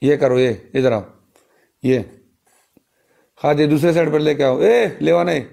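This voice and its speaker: A man with a gravelly, dark voice gives quick, bossy directions and says them again and again. He talks casually, as if lining up a photo on a phone. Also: a little high. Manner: bossy, repeats instructions. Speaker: vlogger.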